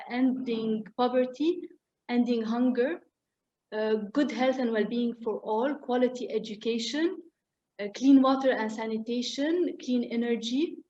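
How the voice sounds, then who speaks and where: A woman's voice: on the high side, a little mellow, reverberant, dull audio. A woman podcast host introducing her guest from a script, with an occasional filler.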